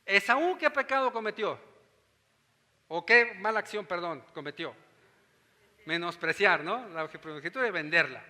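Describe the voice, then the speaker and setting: A man's voice: high-pitched, lively intonation, normal speed, pauses often, bright, forceful tone, in a large hall. A man with a Mexican Spanish accent preaching a sermon as pastor, teaching and often asking whether his listeners follow him.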